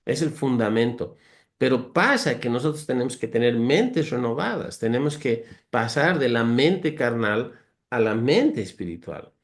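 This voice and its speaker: In a conversational Bible teaching, a man with an ordinary-pitched voice reads out verses and earnestly unpacks them. He moves through virtues one at a time, reaches for homely, funny comparisons, and calls his audience brothers, speaking expressively and a little slowly.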